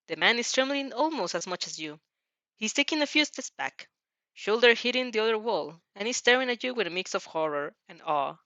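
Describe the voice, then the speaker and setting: A woman reads fan fiction aloud as a theatrical second-person story with reactions, speaking fairly quickly in a slightly high, expressive voice with a sharp tone. The audio is dull, with no echo.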